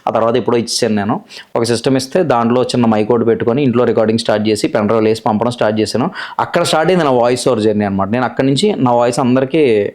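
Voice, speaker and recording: A man with a Godavari Telugu accent, a voice-over artist telling his story as a guest in a casual interview, in a brisk, chatty, self-assured way. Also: mid-range voice, darkish tone. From Godavari region, Andhra Pradesh, India.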